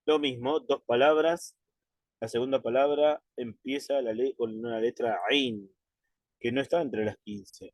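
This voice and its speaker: Slow, patient man teaching recitation. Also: medium pitch, no room sound. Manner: patient, methodical, checks in with students; slows way down to model drawn-out pronunciations. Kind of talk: step-by-step online lesson.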